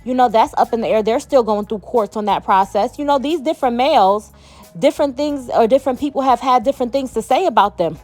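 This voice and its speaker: High-voiced woman in an impassioned rant. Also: quick pace, a little mellow, faint music behind. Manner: impassioned, profane, emphatic. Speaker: commentary vlogger. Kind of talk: heated commentary rant.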